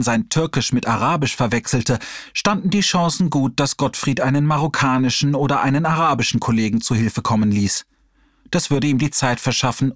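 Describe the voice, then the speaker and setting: A man reading an audiobook chapter aloud in a steady storytelling delivery. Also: mid-range voice, no room sound, clean studio sound. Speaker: audiobook reader. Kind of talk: audiobook narration.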